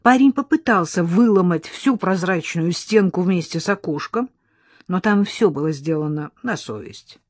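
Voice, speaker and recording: Woman narrator for a comic novel, wry and even, dry studio read. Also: fairly low pitch, moderate pace, no room sound. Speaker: audiobook narrator. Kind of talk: scripted narration.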